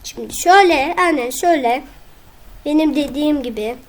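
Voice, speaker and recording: A young woman, casually commenting on her own gameplay, excitable and whiny when frustrated. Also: high voice, normal speed. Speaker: gaming video host.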